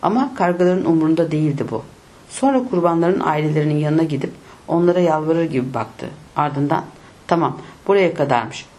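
A woman reading a novel aloud in a steady, measured audiobook narration. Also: low voice.

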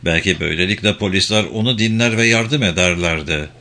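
A man reading a first-person audiobook in a steady, deliberate way. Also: low-pitched. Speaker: audiobook narrator.

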